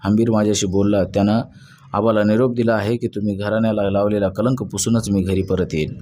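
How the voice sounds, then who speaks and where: A man's voice: fairly low pitch, level tone, a little fast, dark tone, a little hiss or hum, lightly acted. A man reading as a breathless loyal farmhand. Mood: alarmed. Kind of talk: audiobook reading of a novel.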